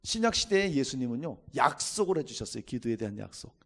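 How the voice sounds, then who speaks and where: A man's voice: medium pitch, big pitch swings, fast. A middle-aged man preaching a sermon as pastor, emphatic, calling out hallelujah and acting out biblical voices.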